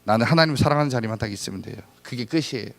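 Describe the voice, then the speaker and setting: A male pastor giving a lively sermon, acting out little scenes in different voices. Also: medium pitch, very fast, creaky. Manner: animated, acts out little scenes.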